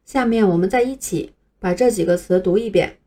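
A woman teaching beginner English pronunciation in a patient, scripted way, spelling out each new word letter by letter and reading it slowly. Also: mid-range voice, dark tone.

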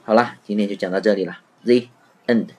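A woman storyteller narrating a children's tale in a calm, gentle voice. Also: rumbling low, a little fast, slight background noise. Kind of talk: reading a children's story aloud.

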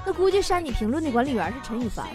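A woman hosting a comedic talk show, reading listener messages and teasing back with quick punchlines. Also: high voice, very animated. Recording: studio recording with loud background music.

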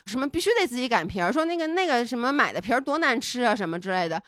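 A woman's voice: a little high, big pitch swings, very fast, a bit bright, dry recording, studio quality. A woman co-hosting a podcast, telling a personal story in a candid, rambling, heartfelt way. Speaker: podcast co-host.

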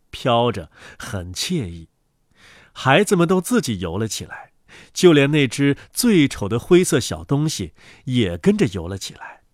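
A man reading a fairy tale aloud in a lively, expressive storyteller manner. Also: mid-range voice, dry recording, clean studio sound.

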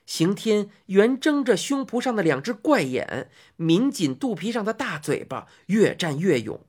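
A woman's voice: mid-range voice, sing-song, a little slow, darkish tone, husky. A woman narrating a children's fantasy story expressively, voicing sound effects.

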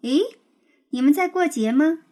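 A woman voicing a gentle female teacher who speaks calmly and without hurry. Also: fairly high pitch. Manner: unhurried, kindly. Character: gentle, calm female schoolteacher.

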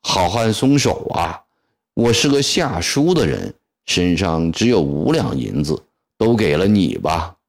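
A man's voice: sits low, big pitch swings, a little slow, creaky, pitched below the performer's own voice, exaggerated voice. A man voicing a terrified middle-aged male clerk who begs for mercy in a tearful voice. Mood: pleading. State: tearful, pleading.

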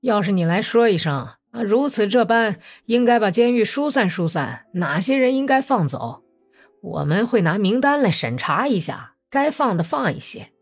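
A woman voicing a smooth-talking male Cossack commander who coaxes and persuades. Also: medium pitch, big pitch swings, normal speed, faint music behind, pitched above the performer's own voice. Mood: coaxing. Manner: cajoling, persuasive.

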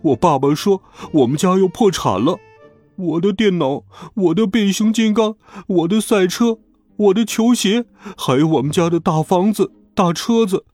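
A man's voice: high-pitched, moderate pace, darkish tone, no echo, soft background music, pitched above the performer's own voice. A man voicing a chubby schoolboy who whines and sobs through his words in a storybook reading. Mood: sobbing. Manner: sobbing, whiny. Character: chubby crying schoolboy, whiny and blubbering.

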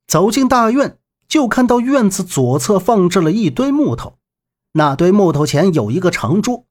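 A man narrating a serialized novel in an expressive, dramatic manner with a husky voice. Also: high-pitched, moderate pace. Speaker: audiobook narrator.

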